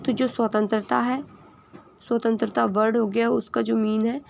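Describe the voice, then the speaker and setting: A woman's voice: a little high, flat delivery, moderate pace, vocal fry, darkish tone, slight background noise. A woman with a sore throat giving a casual video lesson, mixing in English words and asking herself questions, then answering them. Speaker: teacher.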